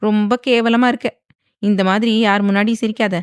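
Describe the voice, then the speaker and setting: Casting: a bossy, teasing husband with calm mock threats, voiced by a woman narrator. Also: mid-range voice, moderate pace, smooth, no echo, clean studio sound, natural voice. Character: domineering, teasing young husband. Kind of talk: dramatized audiobook reading.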